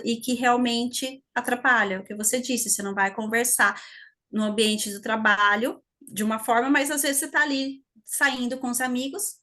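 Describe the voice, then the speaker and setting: A woman's voice: fairly high pitch, pushed and bright. A Brazilian woman, a neurologist guest, explaining things fluently in an interview. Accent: Brazilian Portuguese. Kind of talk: expert interview answer.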